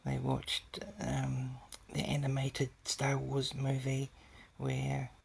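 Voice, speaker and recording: A man's voice: mid-range voice, monotone, slow, vocal fry, slight background noise. A man giving a casual video update, talking in a hesitant, rambling way with many fillers and restarts, and often dropping to a whisper. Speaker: vlogger.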